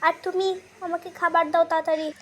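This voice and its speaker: A girl voicing a tired, easygoing father in a doll-play skit, speaking calmly to smooth things over. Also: extremely high pitch, fast, lo-fi sound, slight background noise. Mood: grumbling.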